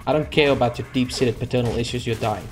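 A man's voice: medium pitch, fairly even intonation, quick pace, soft background music. A young man giving let's-play commentary, frustrated and sarcastic, talking back at the characters on screen. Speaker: gaming channel host. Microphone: desk microphone.

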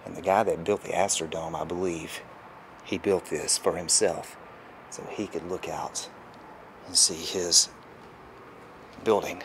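Guy vlogging an empty old hotel, real low voice, awed, faint hum behind. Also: steady tone, measured pace, long pauses. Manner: awed, hushed, thinking aloud. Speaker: travel vlogger. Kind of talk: walking tour narration. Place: empty hotel suite, indoors.

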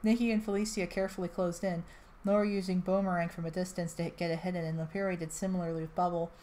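A woman's voice: lowish voice, level tone, quick pace, dark tone. A woman reading a fan story aloud in a casual way, with restarts and chatty asides. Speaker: reader. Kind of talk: amateur fan-fiction read-aloud.

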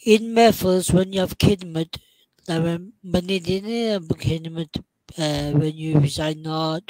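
A man's voice: on the high side, darkish tone, no room sound, low-quality recording. Young male interviewer, dry close sound. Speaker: interviewer, host. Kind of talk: interview questioning. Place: small room indoors on a video call. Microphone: headset mic.

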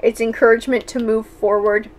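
A woman's voice: on the high side, little pitch movement, brisk. A woman doing a tarot reading, speaking thoughtfully with frequent fillers and restarts. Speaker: tarot reader.

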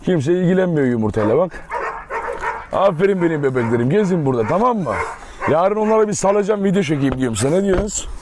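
A high-pitched man talking casually to his viewers while he walks around an outdoor kennel yard. He chats on and coaxes his dogs as he goes. Dogs bark behind him and there is clear background noise. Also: animated, fast. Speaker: dog breeder vlogger. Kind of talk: casual vlog talk to viewers. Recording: outdoor clip with noise and barking.

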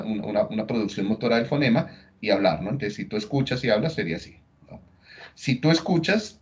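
A man giving a lecture on slides, talking conversationally and often checking in with tag questions. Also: on the low side. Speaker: neuroscience lecturer. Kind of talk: recorded lecture explaining slides. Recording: dull lo-fi recording.

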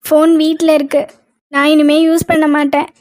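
A woman voicing a frightened young college woman in a cartoon, pleading in a flat, tearful way. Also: high-pitched, normal speed, no room sound, lightly acted. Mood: scared. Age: young adult. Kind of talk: cartoon voice acting.

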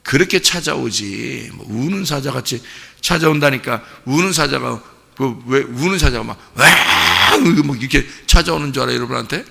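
Gravelly pastor preaching in a church. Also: male voice, mid-range voice, fairly quick. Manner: animated, vivid storytelling with direct questions to the congregation. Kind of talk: dawn service sermon. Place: church sanctuary. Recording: long church reverb.

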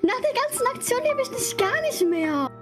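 A woman's voice: very high voice, sing-song, moderate pace, music in the background, pitched above the performer's own voice. A performer voicing a young woman who is hurt and angry with her cheating boyfriend, in an amateur game role-play.

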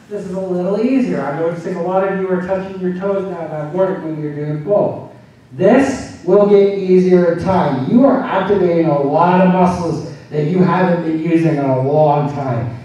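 Casting: upbeat male yoga teacher, soft and mellow tone, distant mic in a big echoing hall. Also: high-pitched, lo-fi sound. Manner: encouraging, repetitive reassurance. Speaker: yoga instructor. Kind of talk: live class instruction. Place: large convention hall. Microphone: handheld microphone.

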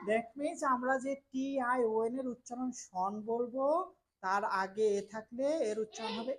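Woman teacher, high voice, loud call-and-response drill, heavy classroom noise. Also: measured pace. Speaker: English teacher. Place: classroom with students.

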